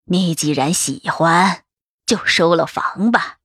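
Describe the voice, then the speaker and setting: A woman voicing a weary old grandmother in an audiobook, speaking slowly and softly with sighs. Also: lowish voice, husky, no room sound, clean studio sound, voice pushed down, heavily acted. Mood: weary, resigned. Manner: slow, sighing, soft.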